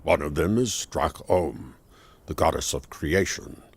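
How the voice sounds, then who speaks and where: An actor playing a calm, wise male mage in a game cutscene, explaining things in a measured way. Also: rumbling low, vocal fry, slightly rough, no room sound, full character voice.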